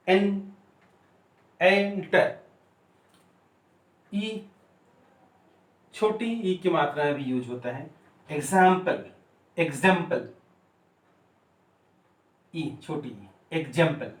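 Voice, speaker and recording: Male pronunciation teacher, slightly high voice, very slow and drilled, echoey room, distant mic. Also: lively intonation. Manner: slow and deliberate, repeats and spells out words. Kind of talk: Hindi-language lesson.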